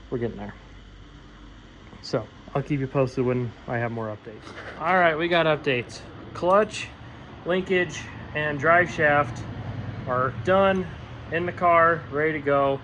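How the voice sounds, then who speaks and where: A relaxed man talks through where his car build stands, listing parts and jobs in a loose, meandering way. His voice sits at an ordinary middle pitch, and a faint hum of background noise sits under it. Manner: rambling, lots of fillers, easygoing. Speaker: vlogger working on his car. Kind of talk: casual project update.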